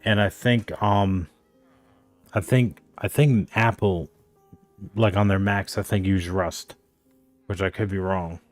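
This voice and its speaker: This gaming streamer has a low, steady voice, speaking slowly with frequent pauses over soft background music. His casual chat while playing is rambling and uncertain, peppered with "like" and "I think."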